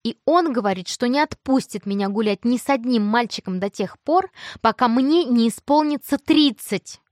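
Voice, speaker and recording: A woman narrating a first-person audiobook in a lively, emotive way. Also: on the high side, normal speed, no echo, studio quality.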